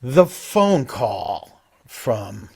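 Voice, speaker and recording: A man's voice: mid-range voice, very animated, drawn-out words, gravelly, a little mellow, slightly rough. A man hosting a casual podcast interview, enthusiastic and asking long, rambling questions. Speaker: podcast host.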